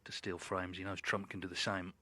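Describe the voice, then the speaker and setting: A man giving hushed live snooker commentary in a measured, reflective manner. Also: low voice, monotone, slightly rough. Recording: live broadcast with audience behind. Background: snooker arena crowd.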